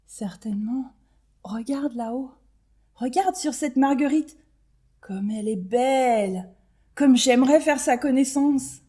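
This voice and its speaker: A woman voicing a shy, lovestruck male dung beetle in a children's storybook reading, soft and hesitant. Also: sits high, slow, husky, heavily acted. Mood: dreamy.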